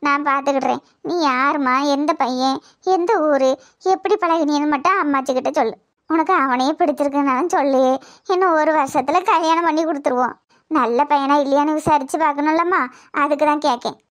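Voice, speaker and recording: A woman with a Tirunelveli Tamil accent voicing a gentle, soothing elderly grandmother in a cartoon. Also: high voice, voice pushed down, lightly acted. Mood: coaxing. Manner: soothing, coaxing, slow.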